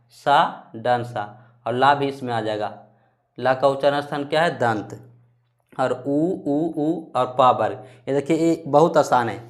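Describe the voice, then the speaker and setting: A male teacher with a Bihari Hindi accent giving a grammar lesson, drawing out syllables to demonstrate them and answering his own questions. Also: medium pitch.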